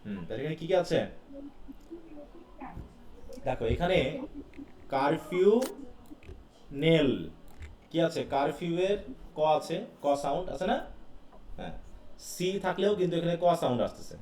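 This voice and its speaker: A man teaches a class, talking students through each point and asking them questions as he goes. His voice sits a little high for a man. It comes from some way off in an echoey room with a faint hiss. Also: expressive, a little slow, long pauses, a little mellow. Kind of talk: live class lecture. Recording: echoey classroom heard from a distance.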